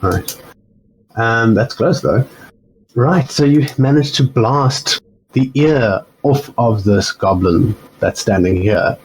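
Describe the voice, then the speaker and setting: A man's voice: mid-range voice, slow pace, slight background noise, poor audio. A man narrating as game master of a tabletop game, rambling with fillers and self-corrections.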